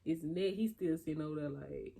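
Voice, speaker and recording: A young woman of eighteen casually telling a story to camera as a vlogger, animated and loose, with fillers and restarts, acting out what other people said. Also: deep voice, fairly quick, vocal fry, husky.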